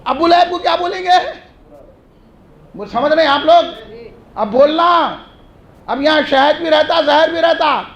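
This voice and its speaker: A man preaching a fiery sermon, chanting repeated phrases and shouting refrains. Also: extremely high pitch, long pauses, lo-fi sound. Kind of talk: fiery religious speech. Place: large mosque hall. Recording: echoey mosque hall.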